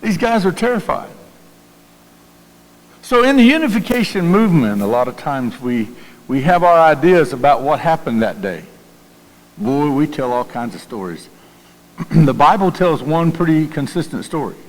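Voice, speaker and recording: Long pauses and big pitch swings mark this slightly high male voice as a Southern US pastor delivers his sermon at a moderate pace. Talking conversationally, he often repeats words and questions his congregation. The church sanctuary gives the audio a long hall reverb.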